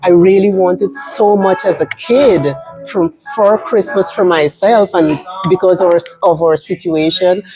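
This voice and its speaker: A woman in her fifties from Guyana with a Guyanese accent, chatting as a guest in a casual interview, lively and playful. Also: fairly low pitch, measured pace, few pauses, music in the background, poor audio. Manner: lively, playful, laughs often. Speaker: guest, executive assistant and Christmas stylist.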